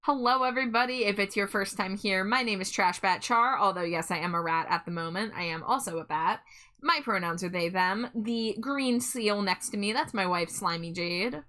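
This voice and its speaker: Cute, bright-voiced woman streamer. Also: medium pitch, moderate pace. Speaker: livestream host. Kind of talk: casual livestream chat.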